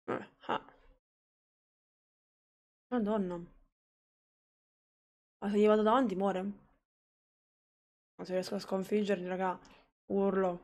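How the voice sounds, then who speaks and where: A young woman, commenting excitedly on a game she plays live, swearing and talking to her chat. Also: mid-range voice, slow, pauses often. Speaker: streamer.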